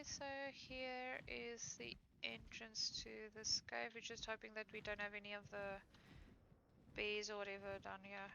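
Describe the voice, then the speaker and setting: A tired woman talks through her survival game, rambling with lots of fillers and stopping to correct herself. Her voice is bright and edged with gravelly fry. The recording is dull and lo-fi, with a faint hiss underneath. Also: mid-range voice. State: tired, yawning. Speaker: gaming streamer. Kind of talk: casual gameplay commentary. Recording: dull lo-fi mic with faint noise.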